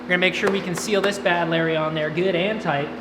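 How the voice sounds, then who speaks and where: A man's voice: sits high, steady tone, quick pace, noisy background. A man co-hosting a casual workshop vlog, joking and laughing often as he works on an engine. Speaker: channel co-host.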